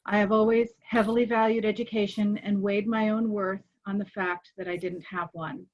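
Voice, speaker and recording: A woman's voice: medium pitch, flat delivery, moderate pace. A woman graduate reading an earnest, prepared speech over a video call. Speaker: graduating scholar. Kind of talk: prepared speech, read aloud. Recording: dull lo-fi call audio.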